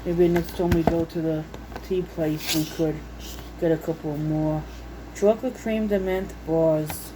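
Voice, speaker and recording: Indoors at home, a woman shows off a recipe book in casual, unscripted chat, reading out recipes and thinking aloud in a folksy manner. She sits low in pitch, speaks a little slowly with fairly even intonation, and there's background noise.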